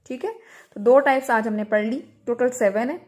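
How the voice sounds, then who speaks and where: A woman teaching a Tajweed lesson. She asks questions and answers them herself, and she slowly stretches out Arabic words to show how they are pronounced. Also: a little high, darkish tone. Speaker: Quran recitation teacher.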